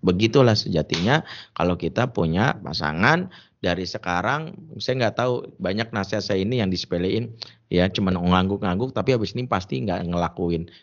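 A man's voice: deep voice, animated, brisk. A man preaching a humorous sermon, emphatic and joking as he tells stories and gives advice, on a dull lo-fi recording.

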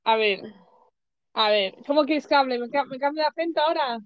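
A woman with a Basque Spanish accent, learning and repeating phrases slowly. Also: high-pitched, no echo, muffled recording. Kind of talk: casual chat.

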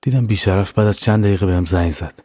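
A man narrating a scripted horror story in a steady, matter-of-fact way. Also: low voice, dry recording. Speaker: narrator and writer.

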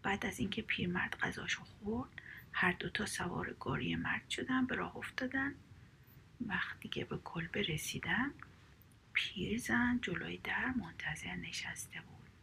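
A woman's voice: medium pitch, expressive, vocal fry. Woman whispering a bedtime story. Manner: soft, slow whispered narration. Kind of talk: whispered role-play.

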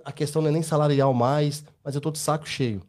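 Brazilian male co-host, mellow warm tone, casual rambling storyteller, Brazilian accent. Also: fairly high pitch, steady tone, quick pace, a little hiss or hum. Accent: Brazilian Portuguese. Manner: anecdotal, rambling, tag questions. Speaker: podcast co-host. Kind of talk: casual podcast chat.

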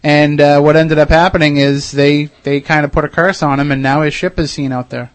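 A man's voice: fairly high pitch, little pitch movement, fairly quick, dry recording. A man from Massachusetts hosting a casual radio interview, talking in a conversational, enthusiastic way. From Wareham, Massachusetts. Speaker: radio host.

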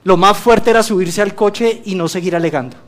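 A man's voice: sits high, fairly quick, fairly bright tone. A man giving a church testimony, telling a story with humor and preaching to the congregation. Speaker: guest speaker giving a testimony.

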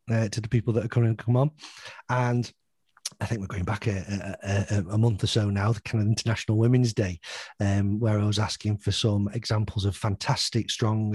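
A man hosts an interview podcast in a friendly, halting way, repeating words as he gathers his thoughts. His voice sits low with a husky, breathy edge. The sound is close and dry, with no room echo. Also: darkish tone. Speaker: podcast host.

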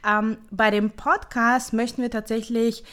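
Smooth-voiced woman co-hosting a podcast. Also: on the high side, little pitch movement, unhurried, a bit bright. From Ukraine. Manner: hesitant, many fillers. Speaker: podcast co-host. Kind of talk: casual podcast chat.

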